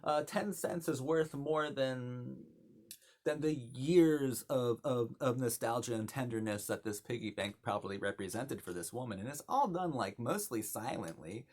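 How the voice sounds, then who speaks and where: A man speaks at a middling pitch in casual, off-the-cuff film commentary. He is openly enthusiastic and gushing, and he often stalls and doubles back on words while hunting for the right phrase. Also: darkish tone. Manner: halting, repeats words while searching for phrasing. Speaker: film reviewer.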